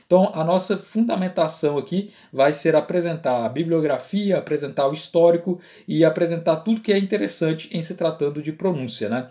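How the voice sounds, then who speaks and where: A man's voice: on the high side, a little fast, hardly any pauses, mellow. A man with a Brazilian Portuguese accent teaching an online Latin lesson, explaining step by step and often adding "né?" as a tag question. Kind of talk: online lecture.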